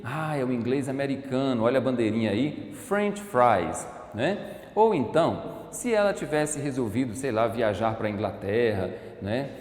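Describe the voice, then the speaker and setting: A man from Brazil teaching an English class, explaining and slowly repeating words for his students. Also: mid-range voice, darkish tone. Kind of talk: recorded online class lesson. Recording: echoey room with long reverb.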